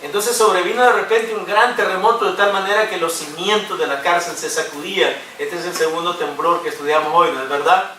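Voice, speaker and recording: Joking pastor, roomy sound. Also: male voice, high-pitched, fairly even intonation, a little fast, few pauses, bright, forceful tone, a little hiss or hum. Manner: jokey, mixes in English fillers. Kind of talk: sermon. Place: church hall. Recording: roomy room sound from a distance.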